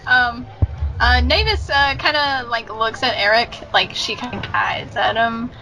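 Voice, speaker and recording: A woman's voice: on the high side, measured pace, sharp tone, low-quality recording. A woman playing a tabletop game, chatting casually and giggling, with hesitant fillers. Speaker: player.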